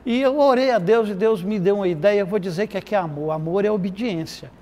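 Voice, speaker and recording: A middle-aged man, a pastor and therapist, telling a lively anecdote full of quoted dialogue in a TV studio interview. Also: sits high, quick pace. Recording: reverberant studio with faint noise.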